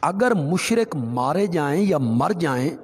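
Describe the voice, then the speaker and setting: Man, Pakistani Urdu accent, sermon, slow deliberate delivery, long hall reverb. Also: a little high, lively intonation, darkish tone, slightly rough. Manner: recites Arabic verses then explains them in Urdu; emphatic, repetitive preaching with rising exclamations. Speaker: Islamic scholar giving Quran commentary. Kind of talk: Quran commentary sermon.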